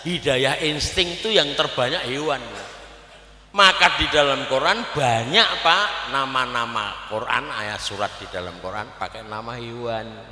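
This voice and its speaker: Male preacher with a Javanese accent, bright and forceful, lively and joking with the crowd, echoey live recording. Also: medium pitch. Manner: lively, switching between preaching and jokes, often addressing the audience. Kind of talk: humorous sermon. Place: live outdoor religious gathering. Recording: echoey live event sound with long reverb.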